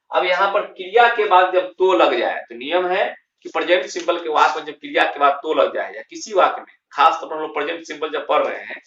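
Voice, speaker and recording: Here an English grammar teacher speaks at a fairly high pitch with a fairly bright tone. Slow and emphatic, he drills each term by asking questions and answering them himself. The lo-fi sound is dull and roomy, with him set back from the microphone.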